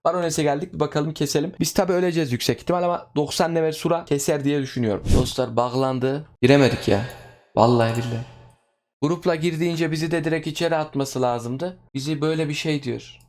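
Young guy, kinda high voice, chatty excitable gameplay commentary to his viewers. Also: fast talker, few pauses. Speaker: gaming YouTuber. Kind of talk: casual game commentary.

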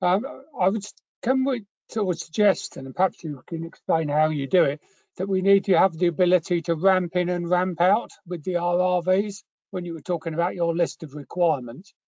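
Man, fairly high voice, polite questioner, dry muffled video call. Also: normal speed, a little mellow, no room sound. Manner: polite, brief acknowledgements. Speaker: meeting attendee asking questions.

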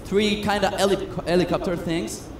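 Man, high voice, chatty self-mocking magician patter; echoey stage, noisy room. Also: steady tone, normal speed. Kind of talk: comedic stage patter with audience. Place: cruise ship stage. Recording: echoey stage sound with noise.

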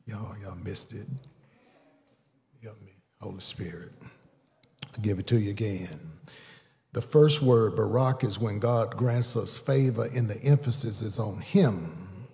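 Slow-preaching pastor in a hall. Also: male voice, vocal fry. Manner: call-and-response preaching, swelling louder and higher for emphasis. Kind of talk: sermon. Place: large church sanctuary. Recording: long reverb of a large hall.

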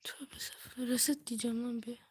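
A young woman streaming a mobile game, snapping at her teammates and muttering to herself between bursts of shouting. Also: fairly high pitch, fairly even intonation, fast talker, slight background noise. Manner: yells at teammates, then drops to mutters and whispers. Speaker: gaming streamer. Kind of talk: live gameplay commentary.

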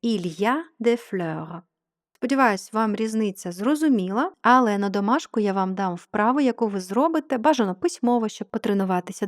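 A woman teaching French online, explaining patiently and drawing out her model words slowly. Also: mid-range voice, no echo, studio quality. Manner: slow, drawn-out model words. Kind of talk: online grammar lesson.

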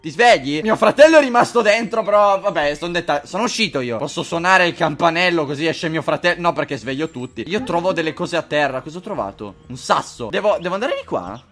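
A man's voice: fairly high pitch, animated, brisk, hardly any pauses, a bit bright. A man doing let's-play commentary, joking crudely, swearing often and talking straight to his viewers. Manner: talks to viewers directly. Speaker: gaming video host.

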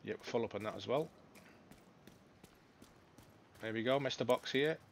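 Excitable male gaming streamer. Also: medium pitch, fast, vocal fry, a little hiss or hum. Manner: shouts excitedly in fights, chatty when calm. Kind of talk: live gameplay commentary.

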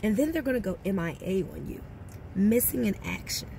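A woman's voice: medium pitch, animated, a little fast, gravelly, warm tone, a little hiss or hum. A woman giving a motivational talk as a network marketing coach, speaking directly to her viewers with emphatic encouragement.

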